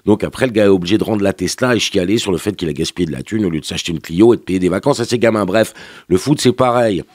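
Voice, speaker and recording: Male radio columnist, French accent, rapid mocking delivery, dry close studio sound. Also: deep voice, a little mellow, no room sound. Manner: sarcastic, slangy and mocking. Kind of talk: opinionated TV review on morning radio. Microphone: studio microphone.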